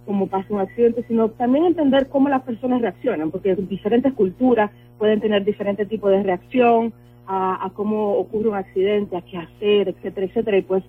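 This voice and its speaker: A woman's voice: mid-range voice, brisk, a little hiss or hum. A woman from the Dominican Republic with a Dominican accent, a lawyer explaining her work earnestly with many fillers in a radio interview. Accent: Dominican Spanish. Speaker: lawyer, guest. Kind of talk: radio interview over the phone. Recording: tinny phone line with faint music.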